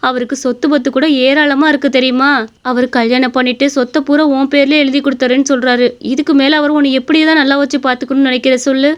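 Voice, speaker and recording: A woman's voice: high-pitched, level tone, fast talker, close to an everyday voice. A woman voicing an anxious middle-aged mother in a cartoon story, coaxing and pleading. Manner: pleading, persuasive. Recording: dull lo-fi recording.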